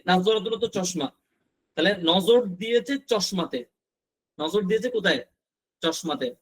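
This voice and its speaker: Male teacher, high voice, patient vocabulary drilling, talks straight to students. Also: a bit bright. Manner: repeats words slowly for drilling; addresses students directly with questions. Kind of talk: recorded vocabulary lesson.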